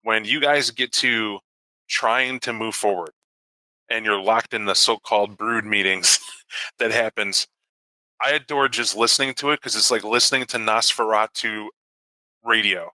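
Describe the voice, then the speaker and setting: A man chatting as a guest on a casual podcast, animated and laughing mid-sentence. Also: fairly low pitch, unhurried, no room sound, poor audio.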